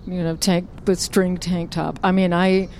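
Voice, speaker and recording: A woman's voice: fairly low pitch, flat delivery, a little slow, darkish tone, a little hiss or hum. A woman voicing a self-important crow sage in an improvised comedy role-play, talking in rambling, stammering bursts. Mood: musing. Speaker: player voicing a character.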